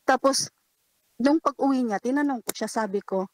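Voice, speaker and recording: A woman's voice: high voice, moderate pace, low-quality recording. A young woman calls in to a late-night radio show to confide a personal story. She rambles, restarts, and acts out each line of dialogue. Nervous little laughs keep breaking through. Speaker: caller.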